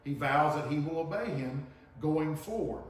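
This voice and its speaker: A middle-aged preacher from Tennessee, US, with a slightly high voice and lively intonation, delivers a sermon at a moderate pace in a conversational teaching style, often checking in with "okay?" and "right?". It was captured by a room mic on a distant camera in a very echoey church sanctuary with a projector screen.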